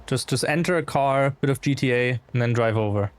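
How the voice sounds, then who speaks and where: A man's voice: medium pitch, brisk. A man giving casual livestream commentary as he plays, rambling along with muttered asides. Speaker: game streamer.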